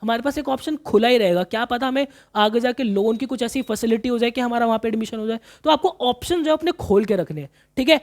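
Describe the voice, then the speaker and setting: A man with a very high-pitched, darkish voice talks fast with few pauses as he coaches commerce students on exam planning. He is casual and chatty, repeats phrases often, calls listeners brother, and mixes in English terms.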